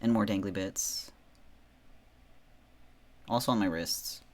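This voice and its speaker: A man's voice: lowish voice, slow. A man chatting casually on a livestream in a playful, theatrical way, boasting with tongue in cheek.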